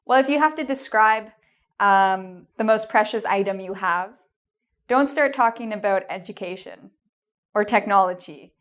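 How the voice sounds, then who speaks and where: Giving tips in a video lesson for an English exam, a teacher with a Canadian accent speaks in a mid-range voice at a measured pace. She often says "um" and checks "okay?", keeping her tone encouraging and reassuring.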